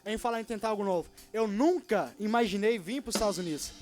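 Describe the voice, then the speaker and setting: Young Brazilian man preaching, high voice. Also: fast talker, soft background music. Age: 20s. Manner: emotional storytelling, swings between loud and hushed. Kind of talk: sermon with personal testimony.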